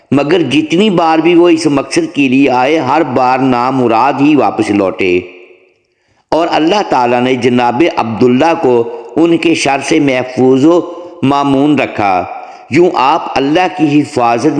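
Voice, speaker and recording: A man narrating a scripted religious story in a solemn, reverent and measured way, then closing with a sign-off to his viewers. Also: mid-range voice, a little mellow. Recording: roomy reverb with long echo tail.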